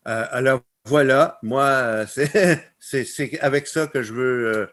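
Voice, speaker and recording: A man's voice: medium pitch, a little slow. A man with a Québécois accent presenting slides on a webinar, telling stories and laughing often. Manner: laughs often, animated storytelling. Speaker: conference speaker.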